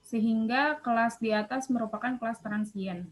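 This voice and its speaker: A woman's voice: fairly high pitch, moderate pace, rough recording. A young woman, a student presenter, reading worked probability examples aloud, hesitant with fillers and self-corrections.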